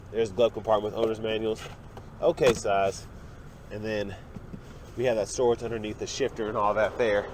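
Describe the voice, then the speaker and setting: A man's voice: medium pitch, background noise. A young man, getting over a cold, casually walking around a car and pointing out its features. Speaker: car reviewer. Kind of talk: walkaround car review narration. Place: in and around a parked car outdoors.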